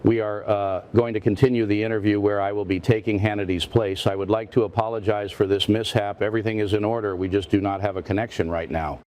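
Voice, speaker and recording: A man's voice: lowish voice, fairly even intonation, fast talker, hardly any pauses, a little mellow, lightly acted. A man playing a parody news anchor, a stiff, formal, indignant interviewer who presses and repeats himself. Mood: solemn, formal. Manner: stiff, formal, repetitive, confrontational.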